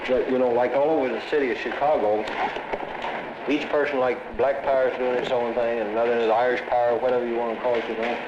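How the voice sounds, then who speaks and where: A man's voice: medium pitch, level tone, quick pace. A man talking loosely and easily in a casual interview. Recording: echoey lo-fi 1960s film sound with noise.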